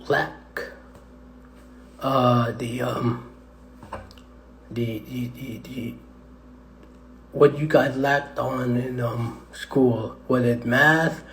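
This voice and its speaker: A man's voice: medium pitch, a little mellow, slight background noise. A man chatting hesitantly on a live stream with lots of fillers, his voice echoing off the walls of a tunnel. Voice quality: hesitant, halting with many fillers. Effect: echoing tunnel reverb, voice bouncing around. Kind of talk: rambling live stream chat. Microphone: tablet microphone. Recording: echoey tunnel sound.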